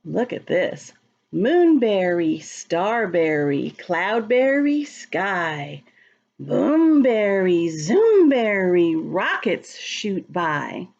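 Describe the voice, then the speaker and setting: Through a muffled recording, a woman with a lowish, darkish voice and vocal fry reads a storybook aloud to young children. She is very animated but extremely slow, drawing out words and talking to them directly. She chats with the kids and asks them questions.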